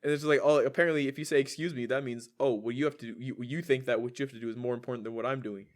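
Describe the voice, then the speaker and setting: Speaking very fast in a steady, medium-pitched voice, this podcast co-host spins a story during a relaxed conversation. His storytelling is peppered with "like," other fillers, and plenty of laughter.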